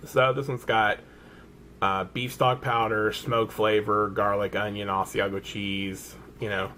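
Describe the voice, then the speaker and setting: A man's voice: on the low side, level tone, measured pace, sharp tone, a little hiss or hum. A man with a Southern American accent chatting casually through a product haul, rambling and correcting himself as he goes. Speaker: vlogger.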